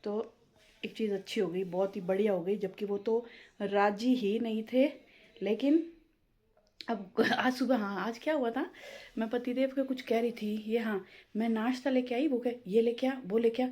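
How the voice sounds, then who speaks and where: A woman vlogger chats through a family story at a relaxed pace. Her voice is mellow and warm, and she keeps slipping in little "na" and "matlab" fillers as she talks. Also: on the high side, moderate pace. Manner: chatty and homely, peppering speech with "na" and "matlab". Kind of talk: casual storytelling vlog.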